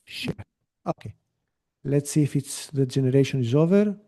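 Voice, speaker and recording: A webinar presenter whose first language is Greek talks through a screen-shared software demo on a video call. His voice is mellow, at a middle pitch and normal speed, and he explains things in a relaxed way with frequent fillers and restarts.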